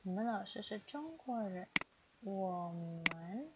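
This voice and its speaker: A woman, teaching grammar as she patiently corrects student homework and reads example sentences slowly. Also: medium pitch, lively intonation. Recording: dull lo-fi audio with loud background noise.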